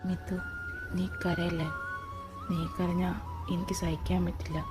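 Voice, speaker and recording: A woman voicing a gentle young husband and father who soothes his family in a fan audio drama. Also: on the low side, steady tone, normal speed, close to an everyday voice. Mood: soothing. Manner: soft, soothing, hushed. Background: background music.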